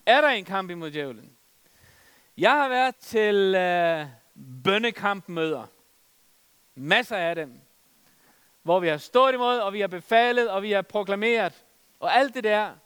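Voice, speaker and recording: Middle-aged preacher, resonant voice, animated sermon delivery in a church hall. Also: male voice, high-pitched, smooth. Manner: animated storytelling with humor, fillers and emphatic scripture reading.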